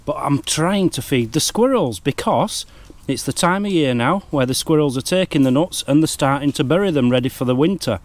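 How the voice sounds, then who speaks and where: A middle-aged man narrating a wildlife camera vlog outdoors in a wood, in a chatty, easily excited way. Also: on the high side, a little fast. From United Kingdom. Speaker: wildlife vlogger. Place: woodland outdoors.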